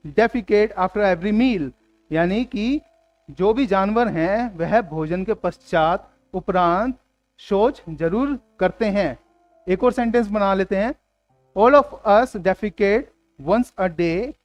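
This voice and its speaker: Man, vocabulary teacher, high voice, dry close sound, soft music under, slow reading of english words. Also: no echo. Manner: explains in Hindi, reads English words and sentences slowly; asks the class rhetorical questions. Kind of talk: exam-prep vocabulary lesson.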